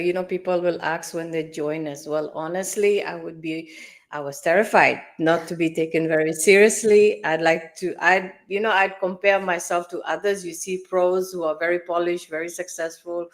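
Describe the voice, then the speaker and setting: A woman in her forties from Fiji, a guest in a live interview, speaking in a measured, reflective way. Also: lowish voice, fairly even intonation. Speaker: guest, finance mentor.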